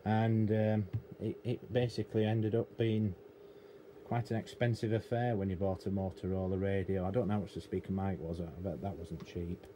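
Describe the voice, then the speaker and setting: Working at a cluttered electronics bench indoors, this middle-aged British radio technician and hobbyist presenter gives a rambling, unscripted, practical explanation in a plain, matter-of-fact way. He speaks low and warm at a moderate pace with little pitch movement. The recording is rough, with audible room noise in the background.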